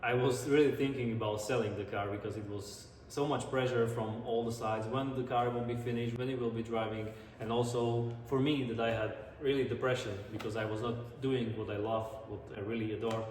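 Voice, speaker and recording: A man with a Slovak accent chats earnestly in a casual vlog style. His English is non-native and a little halting, with a medium-pitched voice. The sound is roomy and distant, with a long reverb tail, like a large garage. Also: fairly even intonation, a little mellow. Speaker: drifter and car-building vlogger. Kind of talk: casual vlog talk to camera. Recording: echoey garage, distant mic, background noise.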